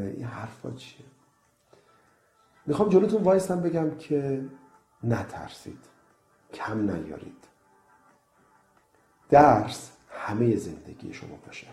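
A man's voice: mid-range voice, dark tone. Earnest man preaching, echoey room. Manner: earnest, exhorting, storytelling. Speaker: preacher addressing young people. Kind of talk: motivational religious sermon. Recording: echoey room with faint music. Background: faint music.

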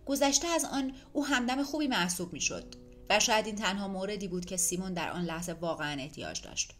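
A woman narrating an audiobook in an even, measured reading. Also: mid-range voice, soft background music.

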